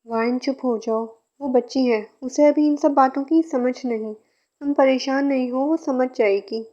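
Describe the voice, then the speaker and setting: A woman voicing a calm young woman who reassures and soothes others, in a fan fiction reading. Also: high-pitched, a little slow. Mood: soothing. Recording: muffled lo-fi recording.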